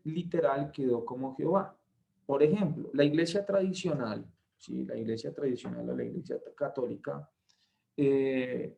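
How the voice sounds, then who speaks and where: A man leads an online Bible lesson. He speaks slowly and with emphasis, reads verses aloud, and keeps checking that his listeners follow. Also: fairly high pitch, creaky. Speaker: Bible class tutor.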